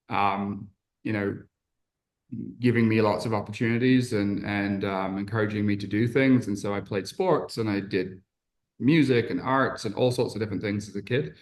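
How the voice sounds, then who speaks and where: Speaking with a lowish voice, this man from England is a podcast guest and entrepreneur. He reflects openly in relaxed conversation, often using fillers and starting sentences over.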